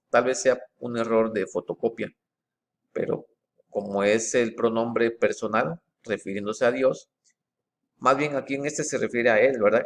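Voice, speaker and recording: Gravelly man, explaining methodically. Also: lowish voice. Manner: methodical and halting, with frequent fillers and restarts. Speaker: presenter comparing book editions. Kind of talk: informal explanatory walkthrough, reading passages aloud.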